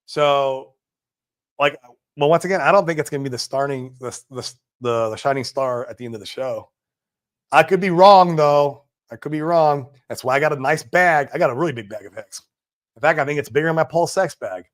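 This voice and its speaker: A man's voice: a little high, brisk. Laid-back slangy man in his forties. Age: 40s. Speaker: livestream host. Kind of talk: casual livestream chat reading viewer comments. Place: home in Puerto Rico.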